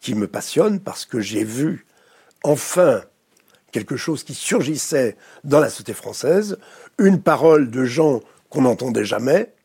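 A French man with a French accent, a therapist speaking as a guest in an interview, reflective and pausing often to search for words. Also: medium pitch, animated, darkish tone, slightly rough. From France. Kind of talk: studio interview.

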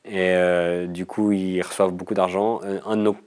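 A man in his thirties with a Swiss French accent and a fairly low voice. He chats as an interview guest, unrolling anecdotes with frequent hesitations and restarts. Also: flat delivery, normal speed, a little mellow. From Switzerland. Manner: chatty, storytelling, frequent hesitations. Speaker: guest comedian. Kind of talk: casual interview chat.

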